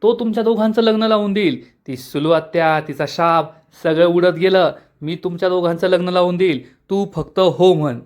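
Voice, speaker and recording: A man's voice: high-pitched, normal speed, hardly any pauses, close to an everyday voice. Male reader as a cocky, teasing young friend. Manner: teasing, boastful.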